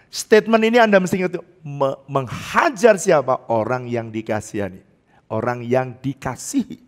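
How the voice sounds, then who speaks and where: An older man preaching a sermon as pastor, laughing often and swinging between loud outbursts and hushed, low passages. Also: moderate pace. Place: church, online service.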